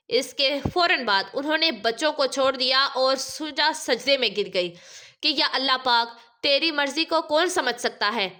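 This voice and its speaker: A woman's voice: sits high, bright, forceful tone. A woman narrating a religious story in an emotive, dramatic way.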